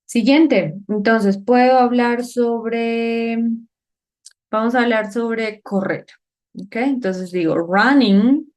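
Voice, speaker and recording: A woman explains English grammar step by step at the whiteboard, voicing each English example slowly and with care and pausing to ask questions that test comprehension. She speaks on the high side with fairly even intonation and a darkish tone.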